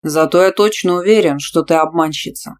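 Woman reading a cocky man, low, calm, domineering, slightly growled. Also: moderate pace, close to an everyday voice. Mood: smug. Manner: low, self-assured, growling at times. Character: smug, pushy male teacher, calm and domineering.

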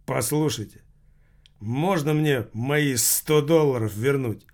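A man's voice: medium pitch, slow, a little mellow. A man voicing an irritated man who bluffs his way through a tense dinner. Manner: irritated, insistent.

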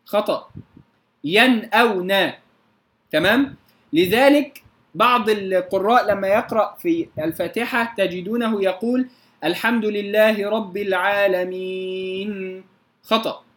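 Male tajweed teacher, high-pitched, explains the rules and demonstrates them with slow recited examples. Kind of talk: tajweed lesson.

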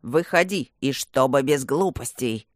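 A woman voicing a rough male bandit leader with a deep, smoky bass voice and a bossy manner. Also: unhurried, no echo, clean studio sound. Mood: gruff threatening. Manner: gruff, bossy.

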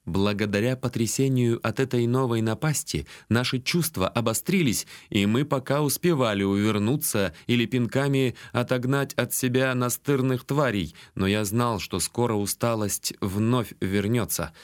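A man reading a first-person adventure audiobook in a steady, even storytelling manner. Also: mid-range voice, dry recording, clean studio sound. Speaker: audiobook narrator. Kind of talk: first-person fiction narration.

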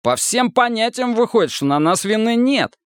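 A man voicing a rough male soldier who talks bluntly, justifying himself. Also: high-pitched, lively intonation, normal speed, no echo, clean studio sound, pitched above the performer's own voice.

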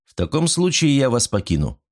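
A man's voice: medium pitch, sing-song, a little fast, voice pushed up, close to an everyday voice. Man doing a mocking young rake. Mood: teasing. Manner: teasing, lightly ironic.

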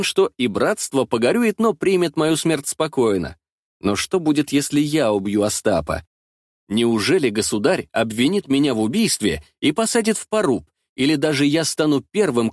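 A man with a mid-range voice narrates a first-person historical adventure audiobook in a lively, expressive way. He's recorded on a close studio mic with no room sound.

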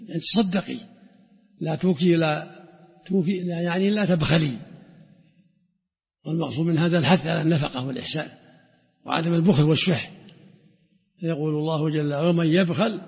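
A man's voice: fairly high pitch, vocal fry, breathy edge. A man giving a religious lesson, explaining hadith with emphasis, often repeating and restarting words. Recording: dull lo-fi recording in a reverberant hall.

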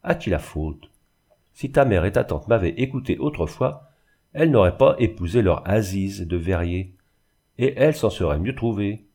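A man voicing a suspicious, miserly old uncle with a piercing, plaintive tone and a curt, gruff manner, in a storybook reading. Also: on the low side, animated, moderate pace, warm tone. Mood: grumbling.

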